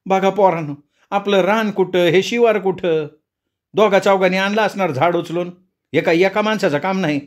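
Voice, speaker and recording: Man voicing a middle-aged village mother, storybook figure, shrill, cursing, bossy, raised pitch. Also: brisk, darkish tone, lightly acted. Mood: indignant.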